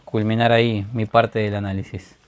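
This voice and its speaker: A man's voice: fairly low pitch, level tone, moderate pace, smooth. A man co-hosting a poetry program, mostly agreeing and adding short remarks. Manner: agreeing, brief affirmations. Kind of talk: casual discussion.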